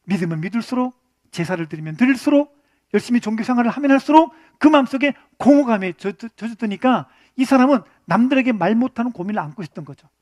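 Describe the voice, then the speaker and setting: A man teaching a church Bible study class in an animated way, often putting questions to his listeners. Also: very high-pitched, fast talker, no room sound, clean studio sound. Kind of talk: interactive Bible lesson.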